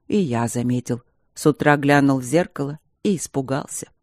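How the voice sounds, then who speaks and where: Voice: mid-range voice, a little mellow, dry recording, studio quality, natural voice. A narrator voicing a capricious, ironic young aristocrat patient in an audiobook. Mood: wheedling. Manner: slow, wheedling, ironic. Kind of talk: audiobook character reading.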